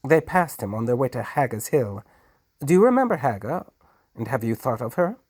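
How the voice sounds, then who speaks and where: A man voicing a calm, dry-witted spy who answers flatly and unbothered. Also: mid-range voice, moderate pace, slightly rough, no room sound, pitched above the performer's own voice.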